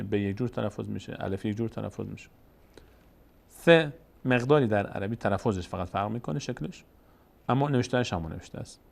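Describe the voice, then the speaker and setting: A man teaching Quran reading, who explains the alphabet in a slow, patient way and repeats each letter name one by one. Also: mid-range voice, vocal fry. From Tajikistan. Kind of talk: classroom lesson explaining the alphabet.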